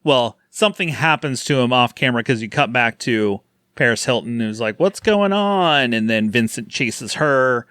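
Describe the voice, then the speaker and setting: A man hosting a podcast in casual chat, animated and laughing often as he acts out movie moments. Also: medium pitch, moderate pace, clean tone, no echo, clean studio sound. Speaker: podcast host. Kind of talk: casual chat reviewing horror films.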